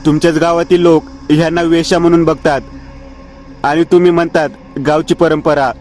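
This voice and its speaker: A man's voice: on the high side, little pitch movement, brisk, a little mellow, faint music behind, voice pushed up, close to an everyday voice. A man voicing a defiant, hot-tempered young man in a storybook horror tale, raising his voice in anger. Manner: pleading and angry outbursts.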